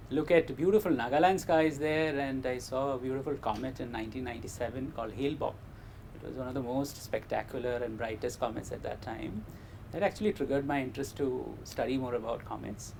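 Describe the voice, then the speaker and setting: A man with a polished, educated Indian accent speaks in a measured, modest way, as an interview guest would. His mid-pitched voice has a marked creak at the edges. There is faint noise behind him. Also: darkish tone, low-quality recording. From Kerala, India. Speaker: interview guest, meteor scientist. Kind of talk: interview answers, personal career story.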